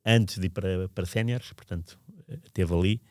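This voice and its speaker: This man's voice sits low with a darkish tone, and he talks at a moderate pace. Recorded cleanly in a studio with no echo, he tells podcast stories from memory, casual and reflective, wandering and often starting sentences over.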